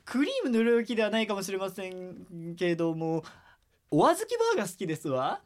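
A woman's voice: medium pitch, sing-song, brisk. A woman chatting in a group, putting on an exaggerated posh ladylike way of speaking for fun. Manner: mock-posh ladylike speech, playful. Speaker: chat participant. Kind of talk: casual group chat.

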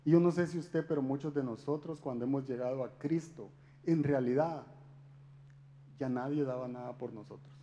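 Chatty preacher, mellow voice. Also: male voice, medium pitch, moderate pace, slight background noise. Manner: chatty, addresses listeners directly with rhetorical questions. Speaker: church speaker. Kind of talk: conversational sermon talk.

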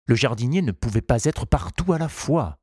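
A man reading a children's storybook aloud in a measured, unhurried way. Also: medium pitch, expressive, warm tone, husky, no echo, studio quality. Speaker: narrator.

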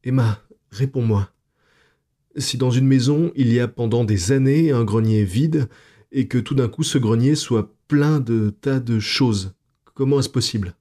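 A man voicing a frightened elderly woman who cries out in shrill, panicky bursts. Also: unhurried, dark tone, natural voice. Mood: anxious, indignant.

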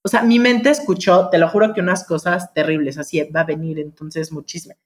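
A woman with a Mexican accent, a mother, talking as a guest in a casual conversation, lively and storytelling, insisting things are true. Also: on the low side, fairly quick. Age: adult mother. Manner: animated, storytelling, keeps swearing it's true.

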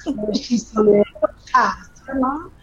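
A woman chatting casually as an interview guest, halting often and filling gaps with "you know" and "uh" while she looks for words. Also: fairly high pitch, lively intonation, fairly bright tone, highs cut off, a little hiss or hum. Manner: halting, searching for words with many fillers. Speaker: guest, character performer.

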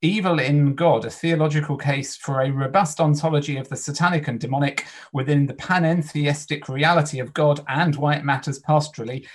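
A man's voice: a little high, fairly even intonation, fairly quick, hardly any pauses. A man speaking informally as a session chair, introducing a speaker.

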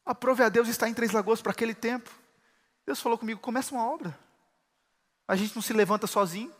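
A man preaching a sermon as pastor, building to shouts of praise. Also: extremely high pitch, fast talker, in a large hall.

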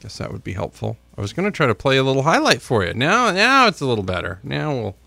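A middle-aged man chats casually as a morning sports radio host. His delivery swings widely in pitch and his tone is bright and punchy, recorded dry and close. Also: huge pitch swings, fast, creaky, no echo. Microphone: close studio microphone.

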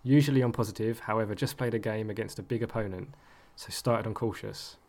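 A man's voice: fairly low pitch, steady tone, brisk, darkish tone. A man co-hosting a podcast, talking casually with lots of ums and easy laughs. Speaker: podcast co-host. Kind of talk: casual chat.

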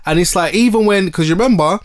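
A man's voice: high-pitched, fast talker. A man, co-hosting a casual podcast and reminiscing in slang. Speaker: podcast co-host. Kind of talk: casual chat.

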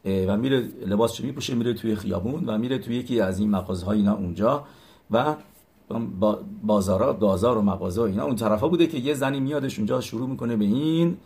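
A man, retelling religious stories in a halting way, with many fillers and restarts, and lifting his voice for the quoted lines. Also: fairly low pitch, darkish tone. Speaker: storyteller.

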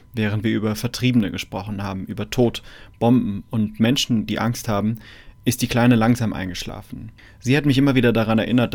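A man's voice: on the low side, vocal fry. A man hosting a podcast, reading an earnest scripted introduction and then interviewing his guest. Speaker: podcast host.

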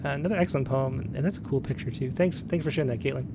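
A man's voice: medium pitch, very fast, heavy background noise. A man hosting an online poetry show in an informal, slightly hesitant way, moving between chat and reading aloud. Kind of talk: casual hosting and poem reading.

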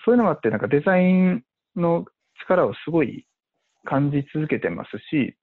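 A man working as a venture investor, chatting casually with lots of fillers and animated retellings. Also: a little high, brisk. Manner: animated, many fillers, acts out quotes. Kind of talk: casual podcast conversation. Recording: tinny phone-like audio.

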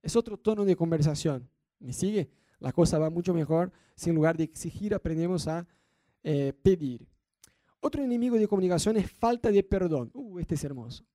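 High-voiced Rioplatense man giving marriage talk. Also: animated, fairly quick, dark tone, no echo, clean studio sound. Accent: Rioplatense Spanish. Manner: acts out quoted spouses, rhetorical asides. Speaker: marriage speaker.

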